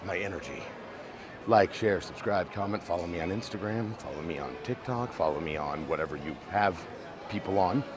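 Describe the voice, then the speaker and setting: A man's voice: deep voice, expressive, normal speed, music in the background. A man vlogging casually from a theme park, chatty and self-deprecating, sounding a bit deflated. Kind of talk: casual vlog to camera.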